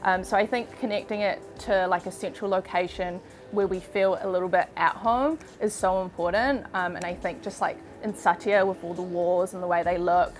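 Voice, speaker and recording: A woman speaking casually in an interview, using many filler words. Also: lowish voice. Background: music.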